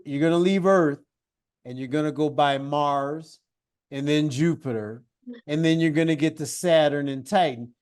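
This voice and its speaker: A man's voice: fairly high pitch, darkish tone. A man teaching a one-on-one science lesson, patient and encouraging, guiding his student with questions and praise.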